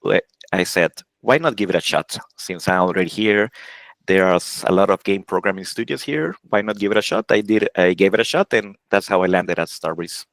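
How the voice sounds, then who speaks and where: A man from Honduras in his forties, a game programmer answering interview questions in a casual, halting way with many restarts and self-corrections. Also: deep voice, gravelly, a bit bright, no echo, low-quality recording.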